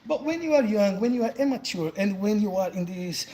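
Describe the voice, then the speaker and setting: Animated and fairly quick, a high-voiced Brazilian man in his forties, a native Portuguese speaker, tells stories and reacts to viewer comments during a casual livestream. The recording is low quality with a dark tone, made on a phone camera set on a big indoor warehouse floor.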